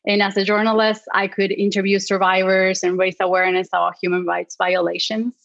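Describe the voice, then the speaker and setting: A woman's voice: medium pitch, level tone, a little fast, vocal fry, fairly bright tone, no echo. Woman from Argentina, Spanish native speaker, chatty and filler-heavy, dry muffled recording. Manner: chatty, many fillers, laughs lightly. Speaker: clinical psychologist guest. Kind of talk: casual interview answers.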